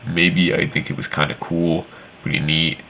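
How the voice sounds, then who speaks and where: A man's voice: a bass voice, level tone, normal speed, creaky, bright, forceful tone, a little hiss or hum, low-quality recording. A man giving casual, opinionated game commentary in a rambling, sweary, complaining way. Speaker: video game reviewer.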